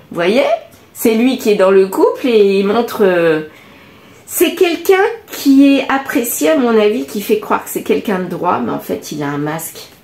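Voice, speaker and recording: A woman with a French accent doing a casual oracle card reading, musing aloud and pausing often with fillers. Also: mid-range voice, a little mellow, echoey room. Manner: musing, hesitant, many fillers. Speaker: card reader.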